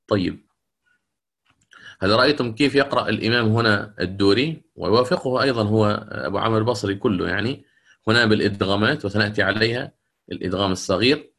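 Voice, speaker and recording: A man teaching Quran recitation rules in a lecture, explaining patiently, asking his students questions and slowing down to recite verses. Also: lowish voice, vocal fry, fairly bright tone.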